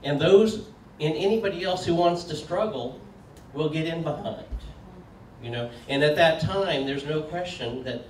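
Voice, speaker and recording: A man in his sixties giving a relaxed, joking public talk with plenty of fillers, putting questions to an audience. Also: on the high side, normal speed. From United States. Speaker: speaker. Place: community meeting room. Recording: echoey room from far off, faint background noise.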